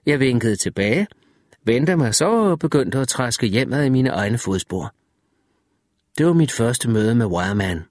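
A man reads a first-person audiobook story with expressive, storytelling delivery, his pitch moving in a lively way across each phrase. The recording is dry and close, with no room sound or echo.

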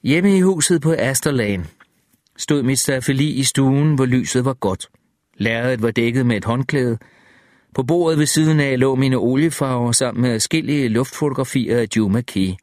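A man reads a first-person audiobook in a middling-pitched voice, calm and measured in pace. His delivery is reflective and even, and the recording is close and dry with no reverb.

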